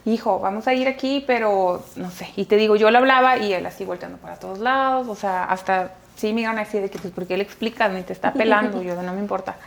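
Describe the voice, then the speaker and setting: A woman, a mother sharing her experience as a guest in a relaxed, reflective casual conversation. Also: medium pitch, quick pace, creaky, hardly any pauses.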